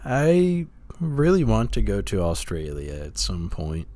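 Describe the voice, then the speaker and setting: A man talks slowly and unhurriedly in a casual podcast chat, laid-back and gossipy, often breaking into laughter. His voice is close and dry, with no room sound. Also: fairly low pitch, wildly swooping pitch, mellow, dry recording. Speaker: podcast co-host.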